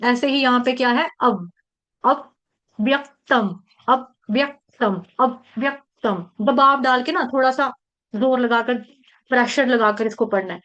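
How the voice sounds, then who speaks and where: A woman from India teaching the recitation of a verse, slowly breaking words into syllables and repeating each one many times. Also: fairly high pitch, a bit bright, lo-fi sound. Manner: chants verse lines slowly. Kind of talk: patient pronunciation lesson, syllable by syllable.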